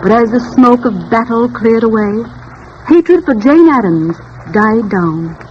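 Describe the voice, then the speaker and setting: A woman's voice: fairly high pitch, lively intonation, unhurried. A woman narrating a 1930s radio drama in an earnest, declamatory way, with the sound of an old-time radio broadcast. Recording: muffled 1930s radio recording with faint hiss.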